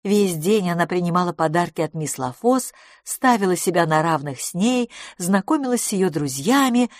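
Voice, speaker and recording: A woman narrating an audiobook in a measured, expressive reading style. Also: fairly low pitch, no room sound, clean studio sound. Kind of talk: scripted narration.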